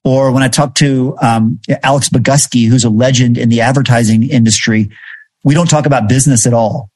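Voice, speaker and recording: A man with a steady, mid-range, slightly mellow voice talks a little fast in a podcast interview, telling a reflective story full of fillers. He is identified as both podcast host and guest in this conversational storytelling.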